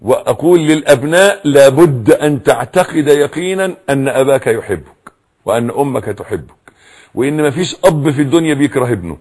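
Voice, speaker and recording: A man with an Egyptian Arabic accent giving a religious lecture on raising children. He is animated, acts out quoted voices and repeats words for emphasis. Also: medium pitch, normal speed, slightly rough. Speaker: preacher.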